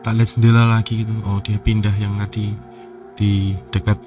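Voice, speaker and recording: A man's voice: lowish voice, level tone, a little fast, poor audio. A man telling a personal horror story in a casual, hesitant way, often quoting what he said. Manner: hesitant, quoting his own words, soft-spoken. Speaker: guest storyteller. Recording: music playing behind.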